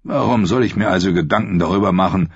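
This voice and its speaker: A man's voice: sits low, fast talker, slightly rough, no room sound. A man reading an audiobook, voicing a cynical, mocking one-handed knight in a dry, sardonic way. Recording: dry, slightly dull studio audio.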